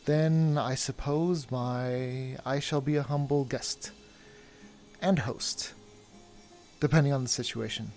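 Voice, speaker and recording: A man's voice: medium pitch, steady tone, slow, a little mellow, faint music behind. A man playing a humble wandering traveler who wants freedom, speaking in earnest, formal phrases. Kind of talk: in-character roleplay.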